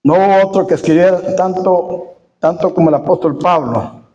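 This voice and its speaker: A male preacher delivering a sermon, repeating key phrases and rising into shouted passages. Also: sits high, normal speed, highs cut off. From Costa Rica.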